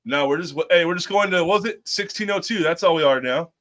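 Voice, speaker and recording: A man's voice: on the high side, fast, fairly bright tone. A man chatting casually and telling anecdotes in an informal, slangy, enthusiastic way. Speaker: show panelist.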